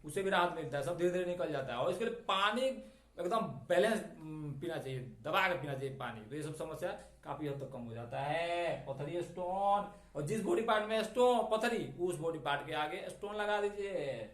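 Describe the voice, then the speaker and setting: Man, middle-aged, high voice, chatty teacher, echoey room. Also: animated, a bit bright. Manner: chatty, digressive, repeats key words slowly. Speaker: English teacher. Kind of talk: spoken vocabulary lesson.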